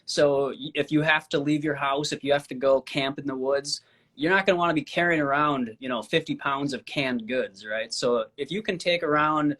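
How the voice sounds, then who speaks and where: A man's voice: fairly high pitch, fairly even intonation, moderate pace, a bit bright. A man in his thirties co-hosting a casual live-stream chat, easygoing and agreeable. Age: 30s. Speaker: co-host.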